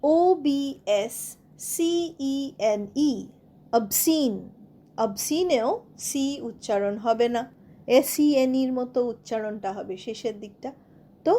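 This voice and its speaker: Female teacher, high pitch, unhurried letter-by-letter spelling delivery. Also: dark tone. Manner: spells words letter by letter, example sentences read very slowly. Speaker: English pronunciation teacher. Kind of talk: Bengali-language English vocabulary lesson.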